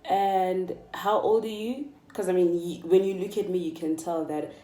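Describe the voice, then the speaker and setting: A mellow, lowish female voice with fairly even intonation and a moderate pace. She's a South African vlogger in her mid-twenties, chatting casually but emphatically to her viewers, encouraging them and repeating phrases for emphasis. The room is echoey and the microphone sits at a distance.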